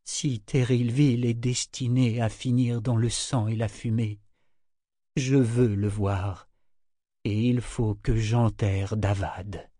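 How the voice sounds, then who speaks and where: A stern, resolute older woman who speaks in cold, measured, firm tones, as a male reader takes her part. The recording is dry and close. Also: fairly high pitch, a little mellow, no echo, voice pushed up. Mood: resigned. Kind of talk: audiobook character voice.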